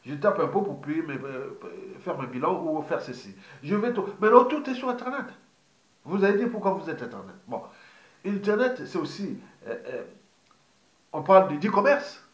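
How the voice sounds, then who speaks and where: A man's voice: on the high side, sing-song, moderate pace. A man in his fifties from Congo, a political activist giving a digressive monologue, full of fillers, restarts and repeated words. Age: 50s. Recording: roomy echo.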